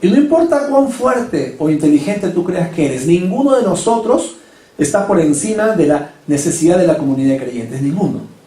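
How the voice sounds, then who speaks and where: A man preaches a sermon in a high, mellow voice. He drives each point home with emphatic rhetorical questions. The sound carries through an echoey church hall from a mic set some way off. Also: expressive, moderate pace, distant mic. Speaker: pastor.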